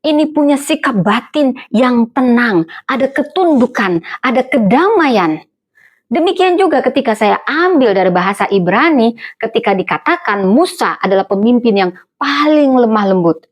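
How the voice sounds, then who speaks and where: Emphatic Indonesian woman pastor preaching. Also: normal speed. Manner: lively preaching with rhetorical questions, addresses listeners as brothers and sisters; emphatic, swings pitch up on key words. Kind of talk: sermon. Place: church service.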